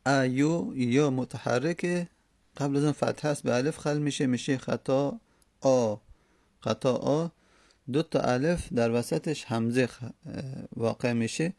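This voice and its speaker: A man lecturing on Arabic grammar, explaining each step and repeating words slowly to drill them. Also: mid-range voice, gravelly, darkish tone, no echo, clean studio sound. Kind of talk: classroom lecture on Arabic morphology.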